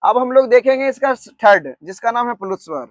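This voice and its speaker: A high-pitched male teacher from Bihar explains grammar in a patient classroom manner. He repeats a quick check-in after nearly every line and slows to dictate notes word by word. The sound is dry and close, with no room echo. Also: expressive. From Bihar, India.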